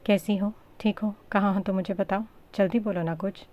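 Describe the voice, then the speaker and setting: A woman's voice: medium pitch, steady tone, moderate pace, lo-fi sound, lightly acted. A woman voicing a young male police officer, the lovesick hero of a romance audiobook, urgent and tender.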